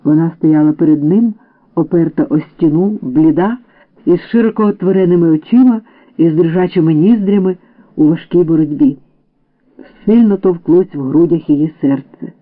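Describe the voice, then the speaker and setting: High-voiced male story narrator on the radio. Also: normal speed. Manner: expressive, dramatic reading. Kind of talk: literary audiobook reading. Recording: tinny narrow-band radio broadcast.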